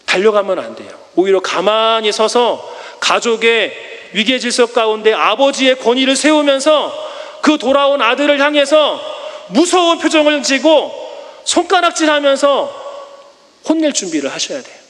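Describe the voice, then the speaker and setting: A man's voice: extremely high pitch, moderate pace, long reverb tail. A male pastor giving a Sunday sermon, telling the story animatedly with rhetorical questions. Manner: animated storytelling with acted quotes. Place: church sanctuary.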